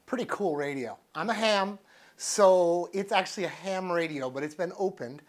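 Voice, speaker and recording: An American man in his sixties reviews a product in an indoor living room with a couch, chatting casually and unscripted as he thinks aloud. His manner is folksy and easygoing. He has a high voice and speaks at a moderate pace.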